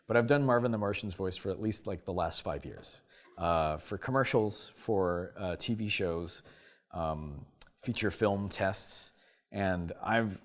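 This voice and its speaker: A man from Canada, a voice actor, chatting as a guest in a casual interview, animated and full of fillers. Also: low voice, measured pace. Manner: animated storyteller, lots of uh fillers and restarts.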